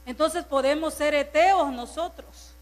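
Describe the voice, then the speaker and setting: A woman's voice: sits high, a little slow. A woman pastor preaching a sermon to her congregation, stressing word lists and turning to the listeners with asides.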